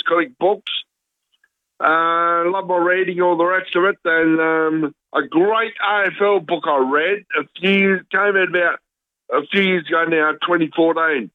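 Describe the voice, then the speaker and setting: A man's voice: fairly high pitch, no echo. Australian man calling in on a bluetooth headset. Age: 50s. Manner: rambling, hesitant, many ums and restarts. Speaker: radio caller. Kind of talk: casual call-in chat. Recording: tinny dry phone line.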